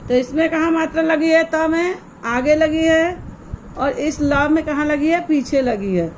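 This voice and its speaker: A woman teaching young children in a slow, unhurried way, her voice pitched high and clear. She explains each step patiently and keeps putting questions to her pupils. Faint ambience sits behind her. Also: a little hiss or hum, poor audio. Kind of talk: online grammar lesson for young children.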